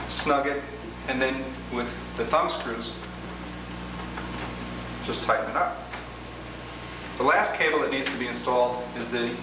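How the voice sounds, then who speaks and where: On an old 1980s demo tape, noisy and full of room echo from a distant mic, a medium-pitched man gives a deliberate walkthrough. He is a product demonstrator, methodically explaining each step of the instructions.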